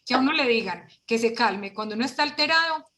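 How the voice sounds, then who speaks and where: A woman's voice: a little high, fast. Woman leading a parent workshop. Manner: lively, asks rhetorical questions and acts out parents' words. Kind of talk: online parent workshop talk. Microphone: video call.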